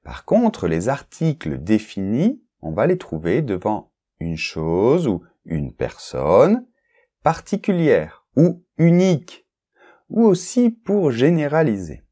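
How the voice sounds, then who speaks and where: A man's voice: medium pitch, wildly swooping pitch, takes it slowly, warm tone. A man teaching a French grammar lesson, talking straight to one learner, repeating sounds carefully and checking in often with "ok?" and "d'accord?". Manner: addresses the learner informally, one to one; spells out and repeats sounds for clarity.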